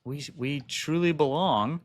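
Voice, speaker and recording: A man's voice: on the high side, measured pace. A man co-hosting a casual podcast, playful and teasing toward his co-host. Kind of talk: casual chat.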